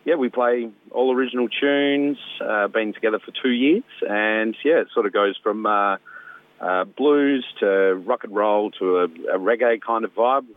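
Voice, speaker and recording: A man's voice: fairly low pitch, no echo. Man on a tinny phone line. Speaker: band lead singer, radio guest. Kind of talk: casual phone interview.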